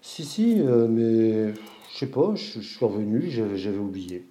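A man's voice: on the low side, very animated, moderate pace, warm tone. An actor playing an evasive, listless husband in his sixties in a naturalistic radio drama, mumbling hesitantly in a roomy recording. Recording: roomy, noisy covert-style recording.

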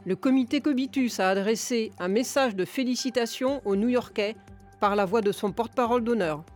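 A woman reading a parody news bulletin in a brisk, matter-of-fact newsreader manner. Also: a little high, darkish tone. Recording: faint music under the voice.

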